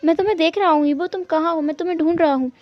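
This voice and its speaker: A woman voicing a calm, tender young man who comforts his partner in a soft, reassuring way. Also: extremely high pitch, racing, no room sound, voice pushed up. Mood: soothing. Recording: muffled lo-fi recording.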